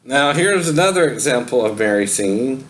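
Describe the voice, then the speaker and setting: A man's voice: mid-range voice, expressive, moderate pace, fairly bright tone, rough recording. A man giving a casual spoken singing lesson who rambles, laughs often and keeps asking "right?" to check the listener is following. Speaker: singing teacher.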